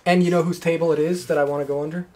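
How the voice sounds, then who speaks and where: A woman's voice: deep voice, fairly even intonation, rapid-fire, dark tone. A woman playing a tabletop role-playing game, talking casually with the group.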